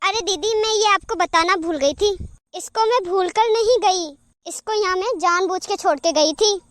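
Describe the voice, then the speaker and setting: A woman's voice: extremely high pitch, moderate pace, a bit bright, no room sound. A woman voicing a chatty, put-upon young housemaid in a cartoon, who complains about her husband. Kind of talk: cartoon voice acting.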